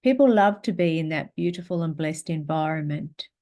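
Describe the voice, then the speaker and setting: A woman teaching a spiritual class, guiding a meditation in a slow, calm, gentle way and reading aloud. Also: deep voice.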